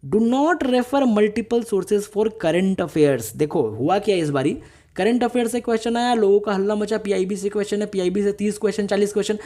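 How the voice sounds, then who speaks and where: Emphatic man teaching with a mellow voice. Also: high-pitched, moderate pace. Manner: emphatic, rhetorical questions, mixes English phrases. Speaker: exam-prep teacher. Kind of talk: YouTube lecture.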